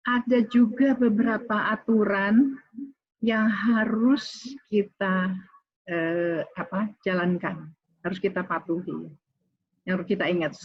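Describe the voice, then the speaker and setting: A woman's voice: medium pitch, slightly rough. A middle-aged woman giving an online lecture on public speaking, talking straight to her listeners, with many fillers and restarts. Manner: many fillers and restarts, addresses audience directly. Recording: slightly dull lo-fi audio.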